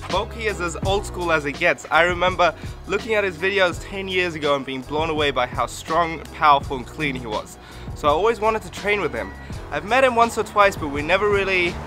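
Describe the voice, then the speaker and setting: A man in his twenties, a parkour vlogger, talking casually and playfully to a handheld camera outdoors on city streets. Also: on the high side. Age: 20s. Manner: upbeat, playful, joking. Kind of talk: casual vlog talk to camera. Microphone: handheld camera at arm's length. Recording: outdoor vlog with music over it. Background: background music.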